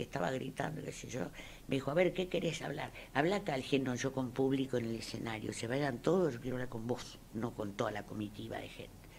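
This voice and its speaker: An older woman with an Argentine Spanish accent, an actress telling stories in an interview in an emphatic, expressive way. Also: very deep voice, creaky, a little hiss or hum. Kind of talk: interview reminiscence.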